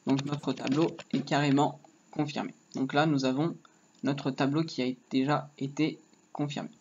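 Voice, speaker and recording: This HTML tutorial teacher has a fairly high yet darkish voice, delivered flatly at a moderate pace. He rambles through a casual screen-recorded coding lesson, joking to himself while typing on a keyboard. A dull lo-fi mic adds faint noise.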